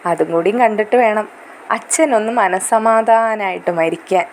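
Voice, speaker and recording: A woman's voice: medium pitch, normal speed, slight background noise, lightly acted. A woman voicing a caring elderly father, fond and protective toward his daughter, in a retold serial story. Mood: comforting.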